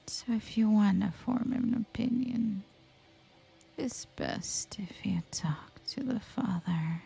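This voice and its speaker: A cold female cult follower who serves her leader without question, played by a woman in a breathy, gravelly whisper. This is whispered role-play, slow and clipped, with faint music behind. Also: on the high side, steady tone, warm tone, heavily acted. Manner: aloof, curt, formal.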